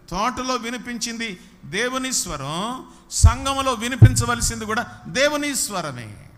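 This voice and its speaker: A man's voice: fairly high pitch, pushed and bright. A man preaching a sermon, repeating lines for emphasis and often asking if the listeners understood. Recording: long hall reverb.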